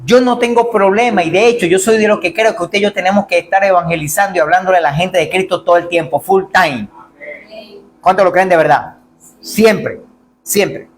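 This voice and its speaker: A man preaching a lively sermon, calling out to the congregation and acting out the cries of the blind men. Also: high voice, normal speed, rough recording. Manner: animated, calls out to congregation, acts out biblical cries. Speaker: pastor.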